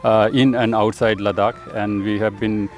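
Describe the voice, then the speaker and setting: A man answering interview questions, hesitant with many pauses and fillers. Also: fairly low pitch, level tone, a little mellow, faint music behind. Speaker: interviewee, NGO founder.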